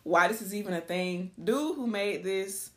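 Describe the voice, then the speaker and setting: A woman co-hosting a podcast in casual chat, animated and slangy, often repeating herself. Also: medium pitch, normal speed. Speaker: podcast co-host.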